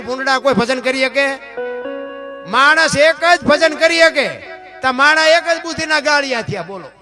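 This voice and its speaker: High-voiced man giving a folk sermon. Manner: rhetorical questions to the listeners, quotes folk verse. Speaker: folk storyteller speaking at a dayro. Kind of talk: folk sermon talk to a live audience.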